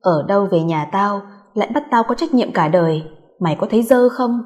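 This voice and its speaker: A woman's voice: mid-range voice, lively intonation, fairly quick, close to an everyday voice. Lady doing a brutal angry young husband in an audio story, harsh and sneering, long echo. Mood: contemptuous rage. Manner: shouting insults, harsh and scornful. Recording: long hall reverb.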